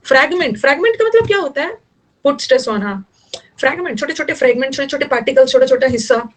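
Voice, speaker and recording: A woman's voice: high voice, expressive, fast talker, rough recording. A young woman teaching English vocabulary in Hindi, explaining word meanings and teasing her students a little. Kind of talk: online vocabulary lesson.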